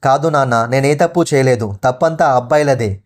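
A man's voice: medium pitch, fairly quick, close to an everyday voice. A man voicing a determined young village woman who pleads earnestly, in a storybook reading. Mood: earnest pleading.

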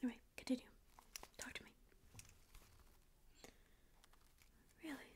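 Whispering rapid-fire in a natural voice, a young ASMR roleplayer plays a prickly, faux-apathetic sleep paralysis demon who claims not to care yet keeps listening and secretly reassures. She sounds grumpy and curious, her curt denials softening into comfort. She's close to a studio mic just off-frame in a small, dim room.

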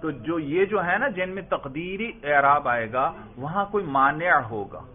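A man's voice: on the high side, animated. Man teaching grammar over tinny audio. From Pakistan. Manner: questioning students and repeating their answers; drawn-out chanting of word forms. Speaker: religious school teacher. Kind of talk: classroom grammar lecture. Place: classroom. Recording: tinny phone-like lo-fi recording.

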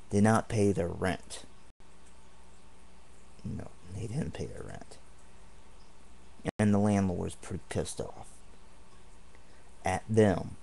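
In a warm, creaky, fairly low voice, a man vlogging from his apartment goes on an angry home-video rant. He rambles indignantly for a long time, repeating himself.

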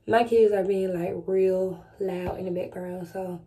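A woman's voice: mid-range voice, fairly even intonation, unhurried, dark tone. A woman chats casually to camera, congested and slightly lisping from wearing retainers. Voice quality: congested, stuffed-up nose. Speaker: vlogger. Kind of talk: casual vlog chat to camera. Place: small indoor room at home, close to camera.

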